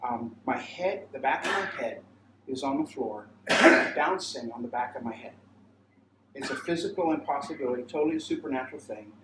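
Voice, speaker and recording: A man's voice: mid-range voice, lively intonation, brisk. A man delivers a sermon-style testimony at a mission training, wandering through his story and slipping into the voices he quotes. He is picked up from a distance, so the room echoes around him. A faint hum of ambience sits under his voice. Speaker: pastor. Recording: roomy sound, mic far off, faint ambience.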